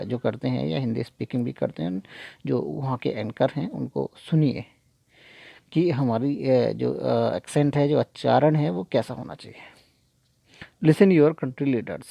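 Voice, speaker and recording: A man teaching a spoken English lesson step by step, reading out slow English example sentences. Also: medium pitch, creaky, mellow, dry recording.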